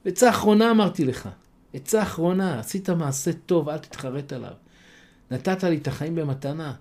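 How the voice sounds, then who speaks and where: A man's voice: fairly high pitch, a little mellow. A man voicing a sly female dove who scornfully taunts a foolish old man in a spoken folk tale.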